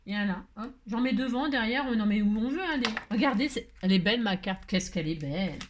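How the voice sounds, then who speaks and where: A woman's voice: medium pitch, lively intonation, fast, background noise. A woman hosting a casual crafting tutorial, chatty and playful, joking as she works. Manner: chatty, playful, full of filler tags. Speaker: craft video host.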